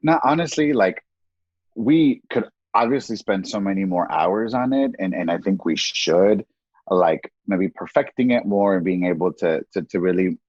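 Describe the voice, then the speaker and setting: A man's voice: low-pitched, normal speed, darkish tone, husky, no room sound. A man around thirty talking casually and campily on a podcast, with lots of "like" between his thoughts. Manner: campy, chatty, heavy use of "like". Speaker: podcast co-speaker. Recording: dull lo-fi dry recording.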